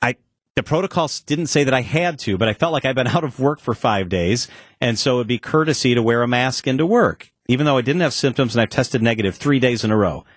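In a radio studio, a middle-aged man hosting an afternoon talk show tells a candid personal story in a conversational way. His medium-pitched voice is animated and fast, recorded on a studio microphone with clean sound and no echo.

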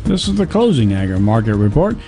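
A man's voice: lowish voice, sing-song, fairly quick. A man reading a scripted radio market report, reeling off figures in a formulaic way. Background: faint music.

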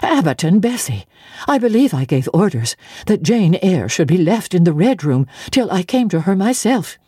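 A woman's voice: lowish voice, big pitch swings, moderate pace, mellow, husky, no echo, studio quality. A woman voicing a stern, cold aunt who speaks in a peremptory, commanding way.

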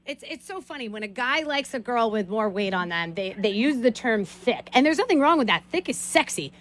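A woman hosting a morning radio show, chatting in a gossipy, animated way. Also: on the high side, fairly quick. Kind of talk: casual radio chat.

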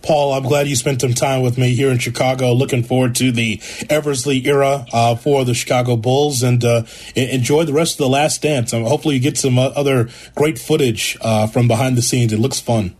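A man's voice: medium pitch, steady tone, fairly quick, a little mellow, breathy edge. A man hosting a sports radio show who interviews a guest and comments, in a conversational way with fillers.

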